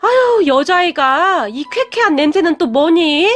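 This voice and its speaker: A woman's voice: very high voice, animated, measured pace, voice pushed up. A woman playing a sneering rich mother. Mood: sneering haughty. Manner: sneering, scolding, haughty. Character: rich arrogant middle-aged woman, boyfriend's mother.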